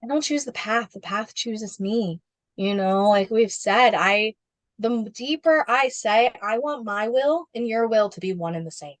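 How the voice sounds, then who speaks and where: Unhurried and a little high-pitched, a woman's voice comes through a rough, echo-free recording. As a guest in a casual interview, this spiritual business coach talks animatedly, sprinkling in fillers like "like" and playful asides voiced as quotes.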